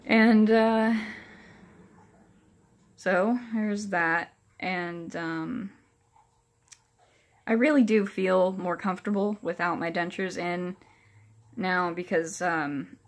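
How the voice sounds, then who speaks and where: A young adult woman giving a casual personal update to camera in a halting, hesitant way, with soft toothless articulation from having no upper dentures in. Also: on the low side, fairly even intonation. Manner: hesitant, halting delivery with many pauses. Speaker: vlogger. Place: small furnished room indoors. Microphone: phone or camera at arm's length.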